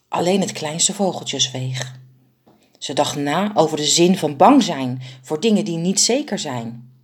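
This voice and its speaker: A woman reading aloud a children's story she wrote, expressive and lively. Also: fairly low pitch, husky. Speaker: author and narrator.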